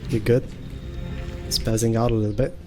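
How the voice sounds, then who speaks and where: Calm man narrating his game tactics. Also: fairly low pitch, normal speed. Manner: calm, thinking aloud through tactics. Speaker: gaming channel host. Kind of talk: let's-play commentary. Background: game music.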